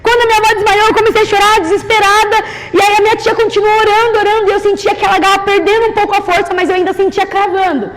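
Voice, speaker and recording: A woman with a Brazilian Portuguese accent giving an emotional testimony sermon in church, swinging from loud outcries to hushed tones. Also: extremely high pitch, level tone, very fast, hardly any pauses, long reverb tail, rough recording. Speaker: preacher. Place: church sanctuary.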